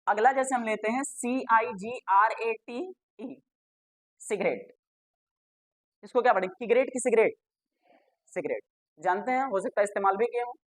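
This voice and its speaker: A woman's voice: a little high, normal speed, long pauses, dry recording. A woman teacher. She gives a classroom grammar lesson, spells words out letter by letter and repeats them, and asks the class questions that she then answers herself.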